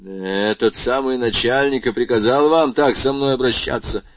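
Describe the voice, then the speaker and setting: A man's voice: mid-range voice, normal speed, no echo, close to an everyday voice. A man reading as a frantic captive banker. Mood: pleading. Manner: pleading, then raging. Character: desperate aging male banker held captive, fearful and furious. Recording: slightly muffled dry recording.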